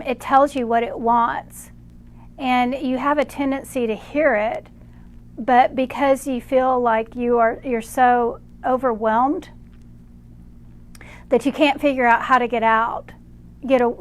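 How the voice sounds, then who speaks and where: Woman giving slow channeled guidance. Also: fairly high pitch. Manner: slow, measured, speaks as "we" for unseen guides. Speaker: spiritual channeler.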